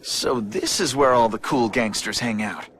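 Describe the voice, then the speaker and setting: A man's voice: mid-range voice, normal speed, lightly acted. A young man with an American accent voicing a wisecracking superhero in a video game, breezy, wry and informal. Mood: musing, quippy. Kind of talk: video game voice acting, quippy monologue. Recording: clear background noise, game ambience.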